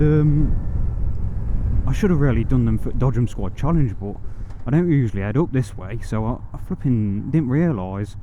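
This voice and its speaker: A man chatting casually and colloquially as a motovlogger, with a chirpy, rambling manner and some mild swearing, recorded while riding outdoors. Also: mid-range voice. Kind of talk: casual rambling chat to viewers. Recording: loud wind and engine noise. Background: wind, motorbike engine, passing traffic.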